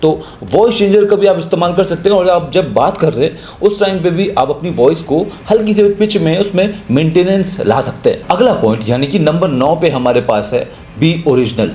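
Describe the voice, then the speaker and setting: A man's voice: on the high side, animated, normal speed, few pauses, mellow, echoey room, slight background noise. A young man with a Hindi accent, teaching voiceover in a casual, chatty spoken tutorial. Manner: chatty, explains with spoken examples.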